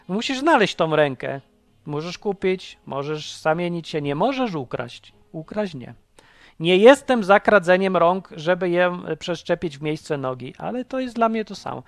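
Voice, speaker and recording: A man's voice: high-pitched, no room sound. A man hosting a casual livestream chat, ranting sarcastically and mocking ideas while taking calls. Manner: sarcastic, mocking, acts out voices.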